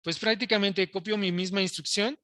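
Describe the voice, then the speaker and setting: A male programming teacher walks students through code, pausing often to ask if they follow. His voice is bright and forward, recorded close and dry with no room sound. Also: sits high, fairly even intonation, no room sound. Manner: explains step by step, checks in with students often. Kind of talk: live coding lesson to students.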